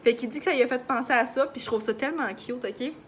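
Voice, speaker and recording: A young woman with a Beauce Quebec accent chatting to camera in a fast, excited way, full of fillers. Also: high-pitched, slight background noise. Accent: Beauce Quebec French. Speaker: vlogger. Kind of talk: casual chat to camera.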